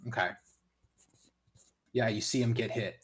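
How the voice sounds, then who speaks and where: A man's voice: fairly low pitch, steady tone, measured pace, a crowd in the background. A man running a tabletop game as game master, narrating in a casual way and prompting the players with questions.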